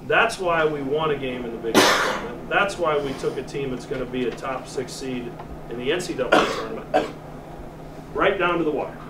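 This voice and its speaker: An American man, a college team coach, giving an earnest, deliberate pep speech to his players in the locker room, pausing for emphasis. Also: medium pitch. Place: locker room, heard from a distance. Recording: echoey distant room recording with loud noise.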